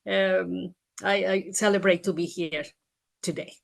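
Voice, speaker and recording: Low, even-voiced woman from Mexico. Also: vocal fry. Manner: measured, with frequent pauses and fillers. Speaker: webinar panelist. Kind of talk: self-introduction on a webinar.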